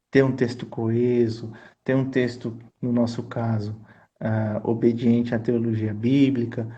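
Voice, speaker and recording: A man's voice: medium pitch, dark tone, highs cut off. A man, a choir conductor and composer, explaining his craft in an earnest, teacherly way and often checking in with his listener. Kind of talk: explanatory conversation.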